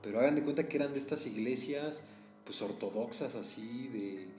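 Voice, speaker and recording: A man with a Mexican accent, a teacher on a podcast telling a personal story in a casual, animated way and laughing often. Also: medium pitch, normal speed. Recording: echoey room, faint music.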